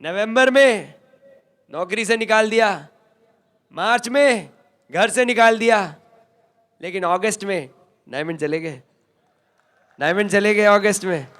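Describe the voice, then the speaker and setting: A man's voice: sits high, fairly bright tone. An older man giving a motivational stage talk in a folksy, emphatic way, addressing the crowd directly. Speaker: motivational speaker.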